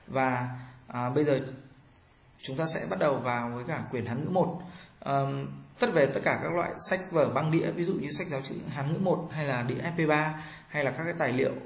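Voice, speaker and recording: A man with a fairly high voice teaches pronunciation, stretching each model syllable slowly so learners can copy it. His voice rings in an echoey room. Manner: slow, drawn-out model syllables for learners to repeat. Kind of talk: classroom pronunciation lesson.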